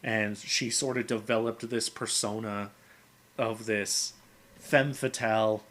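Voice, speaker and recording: Bright, animated man talking casually. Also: fairly low pitch, slow. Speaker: player. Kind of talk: casual chat about a character backstory.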